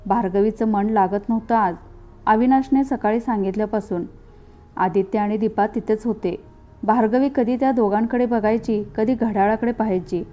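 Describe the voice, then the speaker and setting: A woman storyteller giving a calm, measured, heartfelt scripted narration. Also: mid-range voice, highs cut off.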